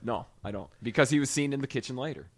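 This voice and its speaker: A man's voice: mid-range voice, quick pace. A man co-hosting a podcast, blunt and sardonic, swearing as he talks about a film. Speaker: podcast co-host. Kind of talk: casual film discussion.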